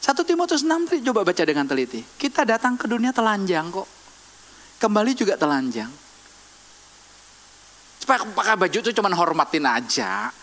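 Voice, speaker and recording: A man preaching a sermon in a lively, conversational way, teasing the congregation with questions. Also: sits high, a little fast, pauses often. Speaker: pastor. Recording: long hall reverb.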